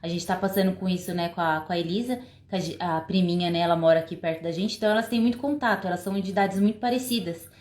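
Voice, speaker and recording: A woman's voice: fairly low pitch, fast, hardly any pauses, a little mellow, roomy sound. A woman co-hosting a parenting talk, speaking conversationally with frequent tag questions. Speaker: parenting show co-host, mother. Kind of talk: casual couple conversation.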